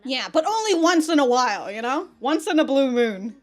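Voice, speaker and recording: A woman hosts casual reaction commentary, excitable and quick to swear, often bursting into laughter. Her high-pitched voice moves at a normal speed over soft background music.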